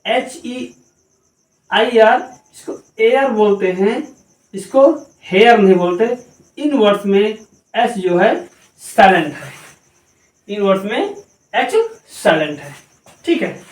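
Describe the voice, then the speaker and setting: Spelling words out one letter at a time, a woman teaches a slow pronunciation lesson in English, posing questions and answering them herself. Her voice is medium-pitched and a little mellow. She is far from the mic, off-mic in an echoey room.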